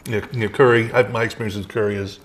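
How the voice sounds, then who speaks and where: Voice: medium pitch, steady tone, quick pace. A host of a book talk show asking brief casual questions from slightly off-mic. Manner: brief questions and backchannel murmurs. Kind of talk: casual interview chat.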